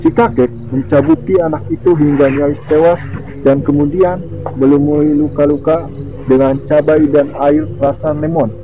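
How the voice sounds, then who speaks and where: A man with a lisp that slurs his r, casually reading horror stories in a halting, informal way with his own asides. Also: a little high, little pitch movement. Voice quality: lisp, slurred r. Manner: informal, halting reader who comments on the story. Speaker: video host. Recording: muffled lo-fi, clearly noisy with insect-like sounds.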